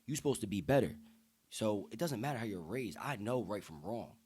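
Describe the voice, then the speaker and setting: As a podcast guest, a young American man with a deep voice talks earnestly and emphatically in casual, slang-filled conversation. He's animated and a little fast, with a darkish, slightly rough tone.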